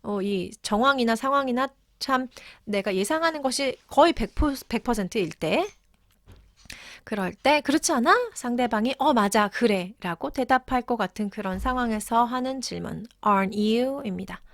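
A woman teaching English, patiently explaining and repeating key words slowly. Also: fairly high pitch, no echo, studio quality. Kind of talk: explaining English lessons in Korean.

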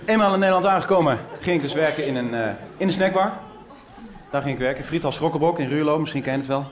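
A man from Brabant performing stand-up comedy on stage, rambling in a deadpan, mock-earnest way. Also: fairly high pitch, quick pace, a faint crowd. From Brabant, Netherlands. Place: theater stage. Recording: roomy theater stage.

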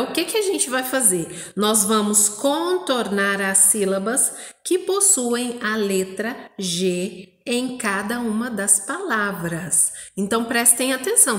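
A Brazilian Portuguese primary school teacher giving a recorded lesson to young children, spelling out syllables slowly and often checking with "não é?". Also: female voice, medium pitch, fairly bright tone, reverberant, big-room sound.

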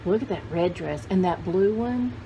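Here a woman in her 60s speaks in a lowish, warm, expressive voice at a moderate pace. Showing vintage paper dolls to her viewers, she rambles casually and muses aloud from a home room crowded with shelves, all captured on clearly noisy home video.

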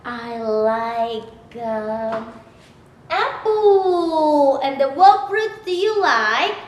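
Korean-accented woman as kids' English teacher, very lively high voice, roomy echo. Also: drawn-out words. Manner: exaggerated, sing-song, full of gasps and cheers. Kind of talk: playful lesson for small children.

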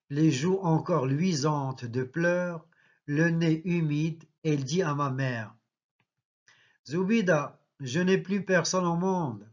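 A man, a literature teacher reading a novel aloud and pausing to explain figures of speech. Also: on the high side. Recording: slightly muffled lo-fi recording.

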